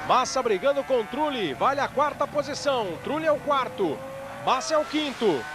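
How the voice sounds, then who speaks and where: A man's voice: very high voice, sing-song, normal speed. A man with a Brazilian Portuguese accent calling a motor race live as a motorsport commentator, emphatic and repeating key phrases. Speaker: motorsport commentator, play-by-play announcer. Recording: clear engine and track noise behind. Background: race cars and outdoor ambience.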